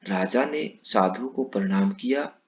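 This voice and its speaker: Slow-talking male teacher, lo-fi. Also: lowish voice. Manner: warm, slow, explaining to children. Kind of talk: children's lesson read-aloud. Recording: dull lo-fi recording.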